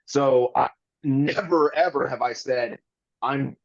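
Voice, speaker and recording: A man's voice: mid-range voice, unhurried, highs cut off. A man guesting on a podcast, talking candidly and earnestly in long rambling runs with frequent restarts.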